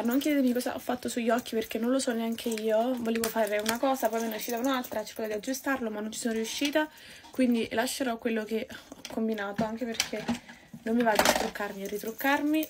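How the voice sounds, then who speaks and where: Fast-talking young woman vlogger. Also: fairly high pitch, steady tone, background noise. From Naples, Italy. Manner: fast-talking, chatty, addresses viewers as "raga". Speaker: beauty vlogger. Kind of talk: casual get-ready-with-me chat.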